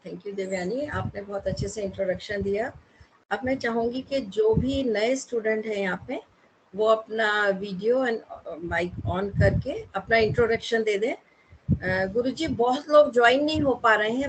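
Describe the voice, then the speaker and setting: A woman's voice: mid-range voice, moderate pace, a little hiss or hum, poor audio. A woman coordinating an online class over a video call, politely asking new students to introduce themselves.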